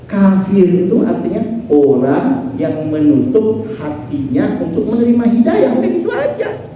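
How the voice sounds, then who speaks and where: A man's voice: high voice, very animated, a little slow, warm tone, a little hiss or hum. A man teaching a mosque study class, telling jokey stories and asking the congregation rhetorical questions. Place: mosque prayer hall. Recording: echoey mosque hall from far off.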